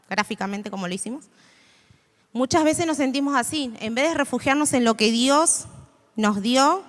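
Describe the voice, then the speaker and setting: A woman's voice: fairly high pitch, fairly bright tone. A woman in her twenties giving an informal, hesitant sermon to a live audience, with many fillers and restarts. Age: 20s. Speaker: youth church speaker. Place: stage in a hall before an audience. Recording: long hall reverb.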